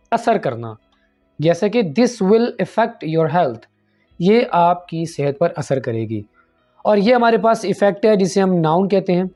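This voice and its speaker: A man giving an English lesson, explaining confusing word pairs and repeating example sentences slowly. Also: high-pitched, a little mellow. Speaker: English teacher. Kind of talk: language lesson.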